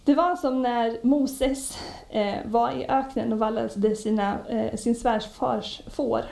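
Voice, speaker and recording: Female preacher, conversational sermon with hesitations, mellow tone, roomy echo. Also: on the high side, fairly even intonation, gravelly. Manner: warm conversational storytelling with frequent hesitations. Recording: echoey room.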